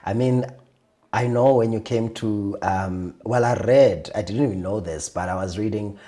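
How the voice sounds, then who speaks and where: A man's voice: lowish voice, moderate pace, warm tone. A South African man hosting a talk show, asking thoughtful, curious questions in a casual interview.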